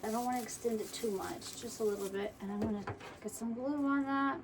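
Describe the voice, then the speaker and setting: A woman's voice: a little high, brisk. Chatty woman crafting, off-mic. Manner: chatty, mutters to herself while working. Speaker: wreath-making tutorial host. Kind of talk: casual crafting tutorial. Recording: distant mic, faint background noise.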